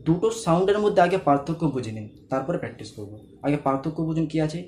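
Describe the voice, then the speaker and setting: A man, teaching a pronunciation lesson and patiently repeating each sound slowly for learners to copy. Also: on the high side, expressive, a little mellow, a little hiss or hum. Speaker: Quran reading teacher.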